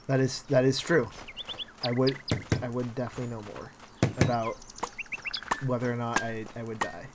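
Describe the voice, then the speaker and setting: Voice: mid-range voice, steady tone, normal speed, heavy background noise. A streamer chatting casually while playing a game, joking along with dry humour. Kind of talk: casual gameplay chat.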